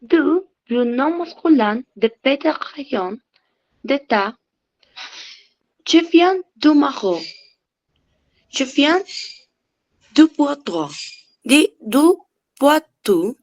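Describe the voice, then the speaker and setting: A woman slowly reading out French grammar rules and example sentences in a deliberate, drawn-out manner. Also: sits high, animated.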